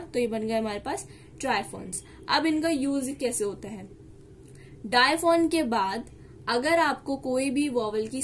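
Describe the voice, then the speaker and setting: A woman with a high-pitched voice teaches shorthand, with slight background noise audible. She explains each step patiently, repeats key terms, and mixes English words into her Hindi.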